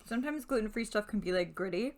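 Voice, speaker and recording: A woman co-hosting a home food review, chatty and quick to agree and laugh. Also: mid-range voice, lively intonation. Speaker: co-host of a food review channel. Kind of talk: casual taste-test chat. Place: home kitchen.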